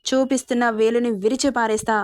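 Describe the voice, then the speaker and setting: A woman's voice: a little high, little pitch movement, fast, no echo, clean studio sound, close to an everyday voice. A woman reading a storybook villain, a controlling young man who threatens and taunts. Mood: menacing. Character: menacing young male villain, controlling and cruel.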